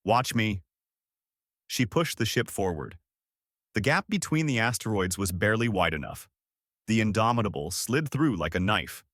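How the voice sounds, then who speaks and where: A male narrator reading a sci-fi adventure story aloud, his pitch moving in a lively way. The recording is dry and close, with no room sound. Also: moderate pace, dry recording. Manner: steady, expressive storytelling.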